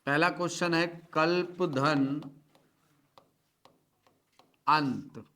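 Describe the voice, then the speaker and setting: A man teaching Hindi spelling to a classroom, breaking words into letters slowly and often asking if students follow. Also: fairly high pitch, fairly even intonation, bright, forceful tone. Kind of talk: classroom lecture.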